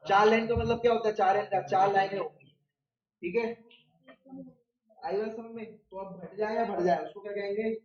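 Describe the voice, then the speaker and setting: A male biology teacher gives a casual lecture, firing questions at the class and answering them himself with everyday examples. His high, darkish voice echoes around a roomy space, captured from a distance in a dull recording; his intonation is fairly even, his speed normal, and he pauses often.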